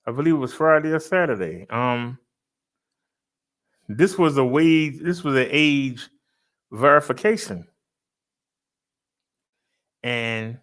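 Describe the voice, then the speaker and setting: A man's voice: mid-range voice, fairly bright tone. A man in his fifties venting in a casual vlog, argumentative and repeating his points. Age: 50s. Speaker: vlogger. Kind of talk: casual ranting monologue.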